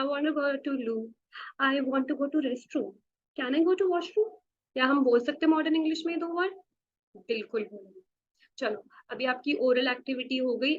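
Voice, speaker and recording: A woman teacher with an Indian accent giving a beginners' spoken English lecture in a classroom, explaining slowly and repeating words back to the class. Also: high-pitched, dull audio. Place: classroom with a blackboard.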